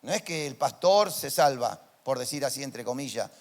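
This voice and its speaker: In church, a male pastor with a Rioplatense Spanish accent preaches a sermon, moving between quiet, intimate lines and loud, impassioned declarations. His mid-range voice is expressive and keeps a moderate pace.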